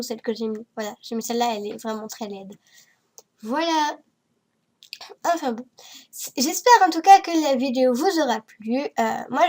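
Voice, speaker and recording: Hoarse, nasal woman rambling over gameplay. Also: high voice, a little mellow. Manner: rambling and hesitant, self-mocking. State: hoarse from a cold. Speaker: Sims building YouTuber.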